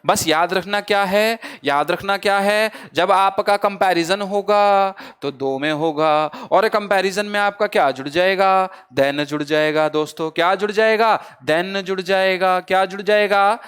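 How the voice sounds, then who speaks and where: A man's voice: high voice, a little slow, hardly any pauses, clean tone. A man teaching exam grammar. He keeps putting questions to his students, answers them himself, and calls his listeners brother. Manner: asks the class a question, then answers it himself; lively, teasing, lightly humorous. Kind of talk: exam-prep grammar lesson.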